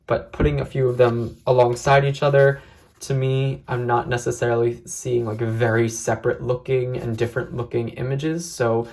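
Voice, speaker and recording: Casual deck reviewer with noticeable vocal fry, reflective and measured, careful to hedge opinions. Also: mid-range voice, little pitch movement, darkish tone, low-quality recording. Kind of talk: casual unscripted review talk.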